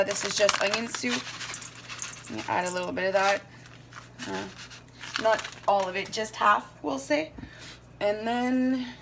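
A high-pitched woman in her thirties talks casually through a cooking demo in her own kitchen, rambling and fixing her words as she goes. The phone camera recording carries background noise, with dishes and pans clattering clearly.

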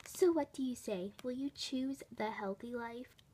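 A woman playing an earnest fitness host in a parody infomercial, giving a salesy pitch with rhetorical questions and deliberate emphasis. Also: dark tone, slightly rough. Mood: salesy, persuasive. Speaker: infomercial presenter.

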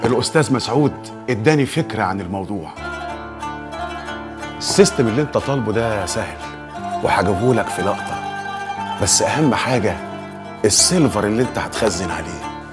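Brief: actor as an Egyptian gadget dealer, fawning patter, music under it. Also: male voice, lowish voice, lively intonation, a little fast, pauses often, lightly acted. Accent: Egyptian Arabic. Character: eager male electronics dealer.

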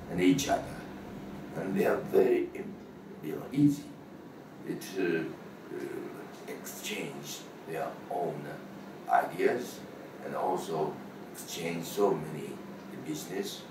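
An older man from Japan with a Japanese accent, giving a formal video address as a parliamentary chair, speaking in a measured, halting way with frequent pauses. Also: deep voice. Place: indoor room before a banner. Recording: roomy, distant, noisy room sound.

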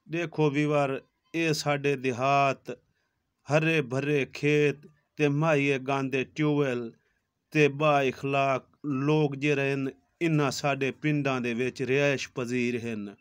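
Holding his phone at arm's length, a village vlogger in his thirties from Punjab, Pakistan, casually narrates his travels outdoors on village roads and later in a shoe shop. He keeps addressing "viewers." His medium-pitched voice is smooth and flat, a little slow, with no room sound.

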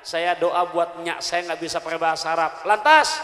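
A woman's voice: lowish voice, steady tone, moderate pace, a bit bright, roomy sound, in a large hall, close to an everyday voice. A man voicing a tearful, humble old grandmother with a Betawi accent who pleads as she asks her question. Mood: anxious pleading. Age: older. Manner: pleading, crying while asking.

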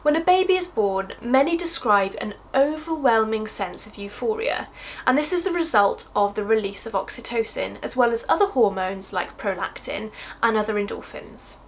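A young woman hosting a science explainer video, delivering a scripted, upbeat explanation in a clear voice. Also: fairly high pitch, animated, moderate pace, a little hiss or hum.

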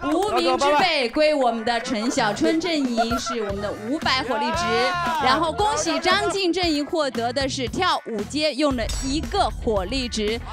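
High-pitched woman hosting, music behind. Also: lively intonation, moderate pace, few pauses. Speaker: host. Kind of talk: presenting a competition show. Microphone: handheld microphone.

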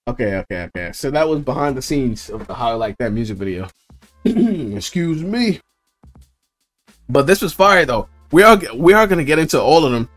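A man's voice: mid-range voice, very animated, normal speed, fairly bright tone, soft background music. A tired young man casually reacting to a video late at night, laid-back and slangy, swearing freely and calling everyone bro. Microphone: own microphone.

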